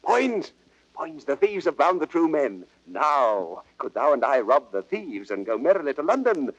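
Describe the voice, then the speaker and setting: A young rogue prince speaks high and with great animation. He is teasing, mocking and theatrical, in the style of a vintage radio Shakespeare drama. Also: big pitch swings, a little slow, slightly rough, highs cut off, full character voice. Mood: gleeful. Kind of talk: old radio Shakespeare acting.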